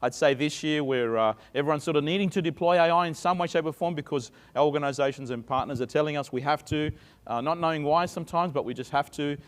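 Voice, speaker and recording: Speaking a little high and fast, a middle-aged Australian man from Sydney gives a conference talk in a reverberant hall. He's chatty on stage, his speech scattered with fillers and restarts.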